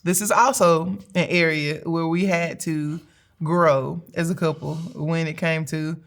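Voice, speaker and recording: A woman co-hosting a relationship podcast with her husband, in calm, measured casual chat with a teasing edge. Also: sits low. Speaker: relationship coach, co-host.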